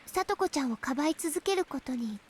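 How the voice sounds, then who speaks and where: Teenage anime game girl, high voice, quick delivery, sweet but unsettling, mysterious. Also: expressive, slight background noise. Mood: soft, knowing. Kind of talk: Japanese visual novel voice acting.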